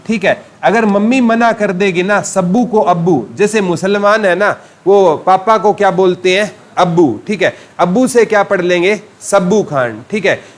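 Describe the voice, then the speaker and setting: A man teaching a general knowledge class with a Haryanvi accent, asking questions and answering them himself. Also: sits high. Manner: asks questions and answers them himself, calling listeners "beta". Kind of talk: classroom lecture with memory tricks.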